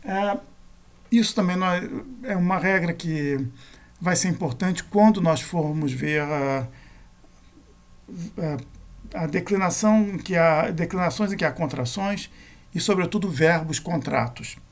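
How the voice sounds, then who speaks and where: Male teacher, a touch of fry, patient step-by-step lecturing. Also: high-pitched, measured pace, long pauses. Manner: methodical, self-correcting explanation. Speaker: Greek grammar teacher. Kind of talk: recorded lecture.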